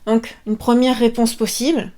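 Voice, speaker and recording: A bubbly woman with a fairly high voice gives a casual video lesson. She talks in a chatty, lively way, often pausing on fillers and dropping playful asides between explanations. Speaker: Japanese language teacher.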